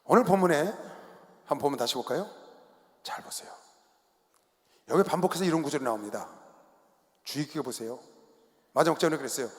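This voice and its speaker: A male pastor preaching a sermon, swinging between loud shouting and quiet, low asides. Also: brisk, long pauses. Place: large sports arena. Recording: long hall reverb from arena.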